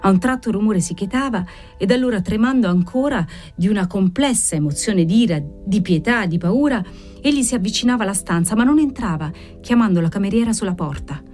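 A woman narrating a classic novel aloud in a measured, expressive reading. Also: mid-range voice, soft background music. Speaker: audiobook narrator.

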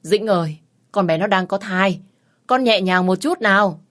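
An anxious middle-aged mother-in-law, as a woman reads her part, fretful and scolding. She speaks in a low voice and calls out loudly in worry. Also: a little fast.

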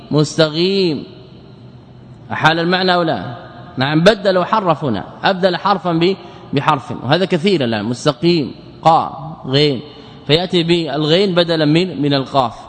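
A man's voice: on the high side, lively intonation, fast talker. Man teaching in a long-echoing hall. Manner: asks rhetorical questions and answers them himself; chants short sample phrases to show errors. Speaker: teacher of Islamic jurisprudence. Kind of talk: explanatory religious lesson.

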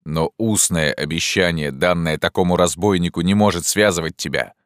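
A man voicing a proud, loyal rebel leader who speaks forcefully and with indignation, in an audiobook reading. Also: low voice, moderate pace, no room sound, studio quality, lightly acted. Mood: insistent.

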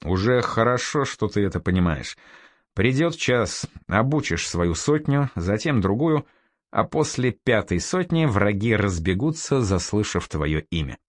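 A man voicing a scarred veteran commander who speaks curtly and gives sharp orders like a drill sergeant. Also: fairly low pitch, sing-song, unhurried, no echo, studio quality. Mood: stern. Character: stern scarred male commander, curt and commanding.

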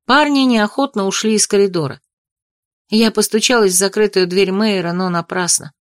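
A woman's voice: mid-range voice, normal speed, dry recording, studio quality. A woman reading a first-person audiobook, narrating and pleading emotionally as the heroine.

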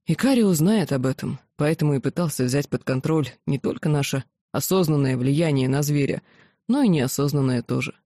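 Reader doing a lowish gruff werewolf general, blunt and plain, mellow dry sound, audiobook. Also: moderate pace, dry recording, natural voice. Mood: earnest. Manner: plain-spoken, rough, awkward. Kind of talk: audiobook character voice.

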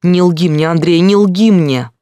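A frantic young woman, as a male reader puts her on, begs and shouts down a phone line in an audiobook. Her voice sits high and strained. The sound is dry and close. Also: lively intonation, moderate pace, dry recording, lightly acted. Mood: pleading. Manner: pleading, rising to shouts. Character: distraught young woman, desperate and demanding.

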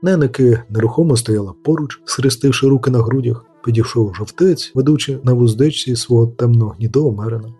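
Man, audiobook narrator, mellow dark tone, husky, faint music underneath. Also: mid-range voice, a little fast, few pauses. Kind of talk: scripted narration.

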